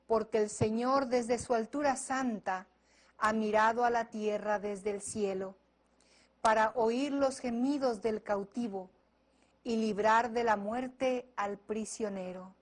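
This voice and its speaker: A woman reciting a psalm as a lector at Mass. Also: a little high.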